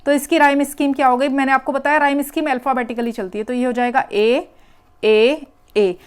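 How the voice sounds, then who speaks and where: A woman's voice: sits high, fairly even intonation, brisk, clean tone. A woman teacher, working through an exam paper step by step and repeating the key words. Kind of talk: exam paper walkthrough lesson.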